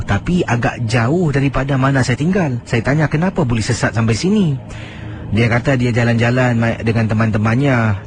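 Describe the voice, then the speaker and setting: A man, a radio host telling listeners' horror stories late at night, slowing down and dropping his voice low for suspense. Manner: dramatic storyteller, slows and drops low for suspense. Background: music bed.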